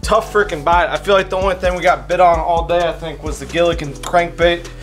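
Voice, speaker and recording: A man's voice: on the high side, fairly even intonation, fairly quick, soft background music. A man in his thirties giving casual, self-mocking running commentary while fishing from a boat and talking to his dog. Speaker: fishing vlogger. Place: outdoors on a bass boat on a lake. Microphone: action camera on the boat.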